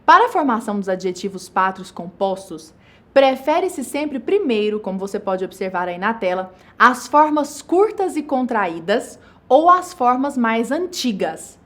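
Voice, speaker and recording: A woman teaching a recorded online grammar lesson, explaining step by step and slowing down to stress each example. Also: a little high, sing-song. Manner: explanatory, stresses words slowly and spells out examples.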